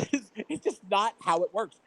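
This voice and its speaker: A man's voice: sits high, animated, normal speed, gravelly, bright, forceful tone, dry recording, poor audio. A man co-hosting a casual livestream chat, ranting heatedly with profanity and mocking quotes. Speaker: livestream co-host.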